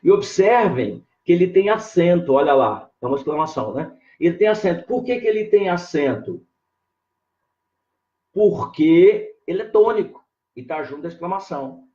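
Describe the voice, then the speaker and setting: A man teaches grammar live in a slow, patient voice that sits a little higher than most, stretching key words and repeating "ó" as he points things out. He calls out viewers by name between explanations. The sound is dull and lo-fi, in an echoey room. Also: lively intonation, dark tone. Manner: greets viewers by name mid-lesson. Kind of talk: live online grammar lesson.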